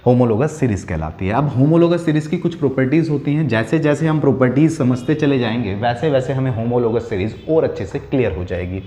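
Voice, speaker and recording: A man's voice: medium pitch, animated, dark tone. A male chemistry teacher giving a classroom lecture, explaining step by step and asking questions he then answers himself. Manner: slows down to dictate key lines. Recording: echoey room.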